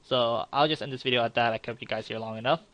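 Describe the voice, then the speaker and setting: A man's voice: mid-range voice, fairly even intonation, fast talker, fairly bright tone, dull audio. A young man giving casual, frank card game commentary, rambling with fillers and restarts.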